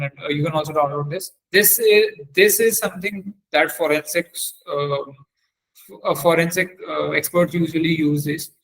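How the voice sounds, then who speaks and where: Leading a live software demo in a webinar, a male trainer talks haltingly, frequently repeating himself or making corrections. The audio is poor, and his pitch is fairly high.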